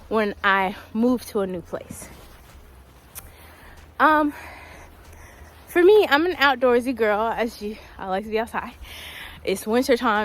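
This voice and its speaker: A young woman talking casually while walking a quiet wooded trail in winter, a little out of breath, with many ums. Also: medium pitch. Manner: chatty, laughs often, many ums. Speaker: vlogger.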